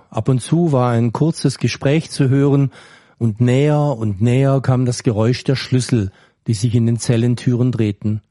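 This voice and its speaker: A man reading a story aloud with a calm, measured delivery. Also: mid-range voice, no room sound, studio quality. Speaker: story reader. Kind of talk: scripted narration.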